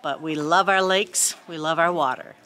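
A woman from Michigan talks in a friendly, relaxed way to a camera outdoors. Her voice sits fairly low but sounds bright. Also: moderate pace, a little hiss or hum. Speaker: insurance agent. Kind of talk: casual to-camera introduction. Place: outdoors by a lake.

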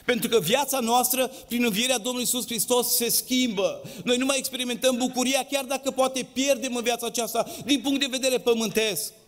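A man's voice: extremely high pitch, fairly even intonation, hardly any pauses, fairly bright tone. A man preaching a sermon in a church, with an impassioned, sing-song delivery that rises and drops. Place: church hall. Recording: long hall reverb.

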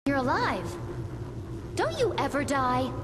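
Woman as very high-pitched indignant heroine. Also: big pitch swings, takes it slowly, noisy background, full character voice. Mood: incredulous. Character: incredulous young female adventurer confronting a villain. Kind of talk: fan-dubbed video game cutscene acting. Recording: very loud music over distant voice.

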